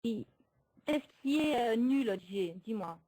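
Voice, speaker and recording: This woman's voice sits on the high side, warm and animated, though she takes her time. She's a streamer hosting a casual film livestream, chatty and hesitant with many fillers, laughing often and answering viewers. The recording is low quality.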